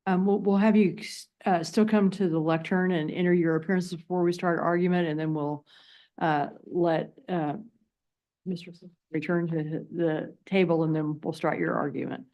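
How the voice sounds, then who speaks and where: A woman's voice: on the low side, fairly even intonation, moderate pace, dull audio. A woman speaking as presiding judge, giving procedural instructions in a courtroom.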